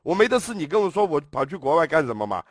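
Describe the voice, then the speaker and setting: A man's voice: fairly high pitch, big pitch swings, racing, no room sound, clean studio sound. A man with a Sichuan accent, talking bluntly and swearing heavily during a casual livestream. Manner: heavy swearing, blunt and combative.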